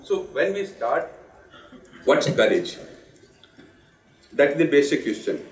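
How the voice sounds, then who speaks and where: A man with a husky voice, hoarse from a sore throat and flu, giving a formal memorial lecture in a measured, earnest way. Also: a little high, very animated, distant mic. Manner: measured, earnest, with pauses and restarts. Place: lecture hall. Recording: roomy hall sound, speaker off the mic.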